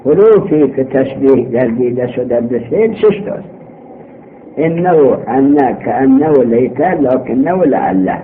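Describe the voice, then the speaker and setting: Animated male seminary teacher on worn tape. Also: medium pitch. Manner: didactic, drawn-out reading, asking and answering own questions. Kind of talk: grammar lesson, reading a text aloud and explaining it line by line. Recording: old worn tape, muffled narrow band, faint noise.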